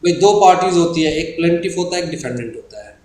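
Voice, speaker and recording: Male teacher, Indian English accent, patient explainer, slightly high pitch, echoey room with faint hiss. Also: animated, darkish tone. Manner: explains terms patiently, slows down when reading definitions. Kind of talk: recorded exam-prep lecture.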